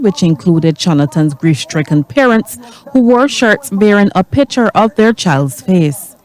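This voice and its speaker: A woman news reporter narrating a report in a solemn, steady way. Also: on the low side, low-quality recording.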